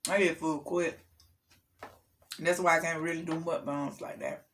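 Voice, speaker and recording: A woman's voice: low-pitched, steady tone, normal speed, fairly bright tone, slight background noise. A woman hosting a casual food tasting vlog, chatting to viewers while she eats and laughing often. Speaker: food vlogger.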